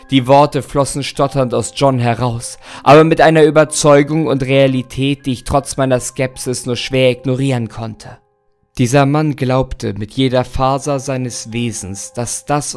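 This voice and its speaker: A man narrating a scripted horror story in a steady storytelling manner. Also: mid-range voice.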